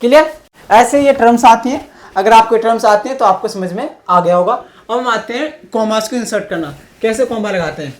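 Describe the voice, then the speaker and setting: A woman's voice: a little high, fairly quick. A woman teaching a maths lesson step by step. She keeps checking whether students follow. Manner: explains step by step, often checks with "clear?". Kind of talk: classroom-style math lesson.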